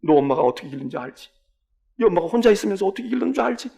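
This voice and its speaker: A reproachful, anxious mother, as a preacher acts her out, firing off nagging questions at her child in a raised, loud voice. The pitch swings widely and the voice has a gravelly edge. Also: sing-song, rapid-fire, full character voice. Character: scolding anxious mother, middle-aged woman.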